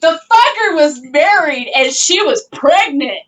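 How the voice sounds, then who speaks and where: A woman's voice: sits high, lively intonation, unhurried, far from the mic, a crowd in the background, poor audio. A woman telling a story in casual chat, swearing constantly and mimicking the people she talks about. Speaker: podcast co-host telling a story.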